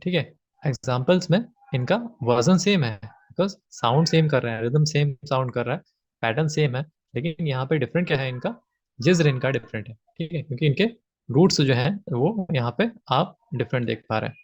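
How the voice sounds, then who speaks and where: A man's voice: mid-range voice, expressive, normal speed, darkish tone. A man teaching grammar from slides, patiently repeating his points with frequent fillers. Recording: slightly dull lo-fi audio.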